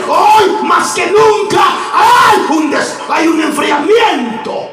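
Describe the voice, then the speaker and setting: A male pastor shouts his sermon in a high, piercing voice, drawing his words out slowly with fiery intensity. He sounds like he is standing some way from the mic in a very echoey church hall. Faint music and a congregation can be heard behind him. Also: distant mic. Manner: impassioned, shouting, repeating "aleluya" and "hermano". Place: church sanctuary. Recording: roomy echoing church sound, from afar.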